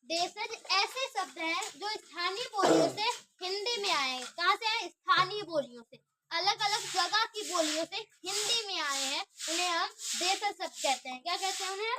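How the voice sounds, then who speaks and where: A woman's voice: very high-pitched, animated, moderate pace, heavy background noise. A woman teacher giving an online grammar lesson, asking questions and answering them herself and often checking whether the class understands. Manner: repetitive, restarts words while explaining.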